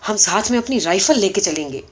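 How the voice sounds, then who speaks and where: A woman voicing an eager, excitable Anglo-Indian man who keeps asking questions, on a dull lo-fi recording. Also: medium pitch, natural voice.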